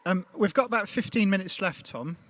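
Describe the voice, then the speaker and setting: A man's voice: sits high, animated, fairly quick, a bit bright. A man hosting a live panel talk, friendly and chatty as he leads the questions. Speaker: panel host.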